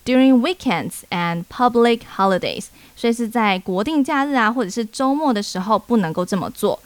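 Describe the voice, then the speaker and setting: A woman's voice: a little high, lively intonation, normal speed, smooth, dry recording. Young Taiwanese-accented woman explaining English phrases. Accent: Taiwanese Mandarin. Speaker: podcast co-host teaching English. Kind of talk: casual chat with English lessons.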